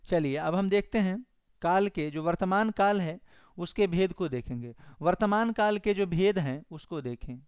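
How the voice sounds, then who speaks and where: A man teaching Hindi grammar in an online exam-prep lesson, with a Bihari Hindi accent, repeating definitions slowly word by word for students to copy down. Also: high-pitched, clear, resonant tone, no echo, clean studio sound. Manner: slow, repetitive dictation of definitions.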